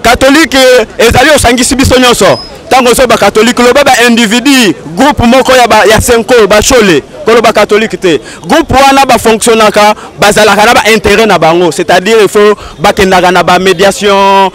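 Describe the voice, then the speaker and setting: Man, high-pitched, insistent, street interview, outdoors in town. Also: steady tone, a little fast, few pauses, a bit bright. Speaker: interviewee, party supporter.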